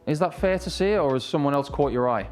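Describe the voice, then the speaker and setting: A man's voice: fairly high pitch, animated, fast talker, darkish tone. A man presenting live darts coverage and commentary.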